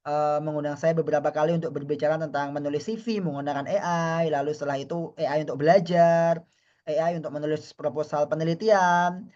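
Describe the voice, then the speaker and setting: A man's voice: fairly high pitch, fairly even intonation, brisk, a little mellow, dull audio. A man from Indonesia, a university lecturer, giving a friendly, chatty online webinar lecture and often addressing the audience as friends.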